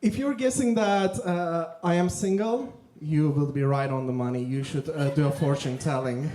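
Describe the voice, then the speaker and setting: A stand-up comedian from Turkey with a Turkish accent, telling deadpan jokes in a halting way with many fillers on a theater stage. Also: male voice, a little high. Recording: echoey theater room.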